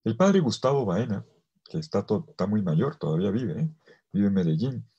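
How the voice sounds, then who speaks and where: Male priest, theology lecture, dark mellow tone, husky voice, loud-to-hushed dynamics, drawn-out key words. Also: fairly low pitch, big pitch swings, highs cut off. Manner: swings between loud emphasis and soft, almost whispered phrases; stretches key words slowly for weight. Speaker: priest teaching a theology course. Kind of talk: theology lecture to a virtual audience.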